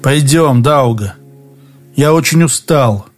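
A man's voice: mid-range voice, slow pace, soft background music. A man voicing an exhausted, drowsy male explorer who speaks sluggishly. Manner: sluggish, weary.

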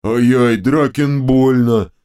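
Brief: sulky simpleton ogre head, deep drawl, smooth tone, voiced by a man. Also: fairly even intonation, slow, mellow, lightly acted. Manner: booming, broken speech, whiny. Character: slow dim-witted male ogre head, childish.

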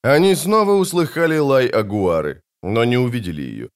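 A male narrator reads an adventure audiobook with drama and energy. His voice is of middling pitch and he paints the action vividly. The storytelling is expressive throughout. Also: moderate pace, clear, resonant tone.

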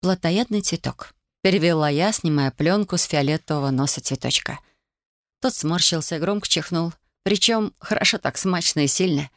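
A woman narrating a first-person audiobook in a lively, wry, expressive manner. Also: sits low, moderate pace, no room sound, studio quality.

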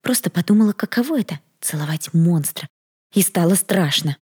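A woman's voice: fairly low pitch, expressive, a little fast, dark tone, slightly rough. Woman voicing a snappish, scornful young bride. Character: sharp-tongued defiant young bride.

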